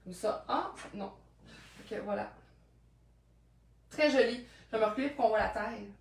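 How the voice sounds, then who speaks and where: A playful Québécois woman with a high-ish, gravelly voice chats at normal speed while trying on secondhand clothes, joking to herself. The camera picks her up from a distance, off-mic, giving a roomy echo.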